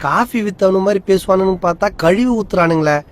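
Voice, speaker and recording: A man's voice: high voice, fairly quick, faint music behind, lightly acted. An actor playing a fed-up man who grumbles and complains.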